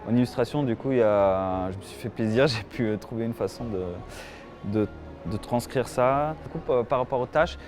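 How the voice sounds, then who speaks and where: A man's voice: medium pitch, normal speed, over music. A man in his thirties from Germany, an animation film director giving a festival interview, hesitant with many fillers and restarts.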